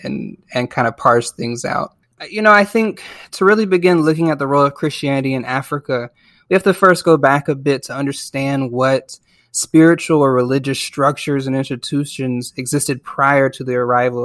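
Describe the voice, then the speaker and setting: A man in the middle pitch range hosts a podcast, earnest and careful as he sets up his long questions. The recording is dry and close. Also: no echo. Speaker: podcast host. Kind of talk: podcast interview.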